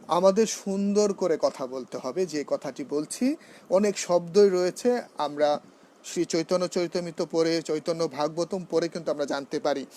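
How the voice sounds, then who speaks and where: A man teaching a seminar lecture on pronunciation, who drills words slowly and asks and answers his own questions. He is earnest and grows emphatic when he corrects usage. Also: high-pitched, a little mellow.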